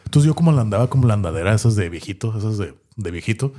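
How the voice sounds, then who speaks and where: A man's voice: fairly low pitch, very fast. A man, co-hosting a podcast and telling a funny story in casual chat. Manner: animated, laughing anecdote-telling with voiced impressions. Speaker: podcast co-host.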